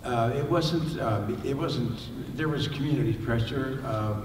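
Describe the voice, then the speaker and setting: An older man answering audience questions on a panel, halting with many fillers and restarts. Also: medium pitch. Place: large library hall with audience. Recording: echoey hall, distant mic, noisy.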